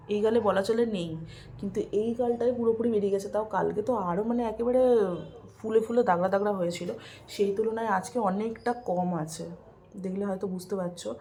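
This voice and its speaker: A woman's voice: medium pitch, warm tone, slight background noise. A woman vlogger chatting casually to her viewers, mixing English words into her Bengali. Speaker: family vlogger. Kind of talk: casual vlog chat to viewers.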